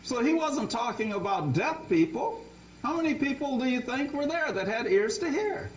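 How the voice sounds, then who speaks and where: A man's voice: very high-pitched, big pitch swings, normal speed, roomy sound, slight background noise, poor audio. A man preaching a Bible study sermon, often asking his listeners questions and repeating words as he restarts.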